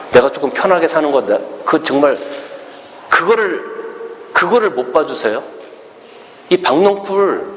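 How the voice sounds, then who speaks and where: A pastor playing a furious sulking prophet, high and heated. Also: male voice, long reverb tail, slight background noise. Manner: heated, indignant complaining. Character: angry sulking male prophet complaining to God.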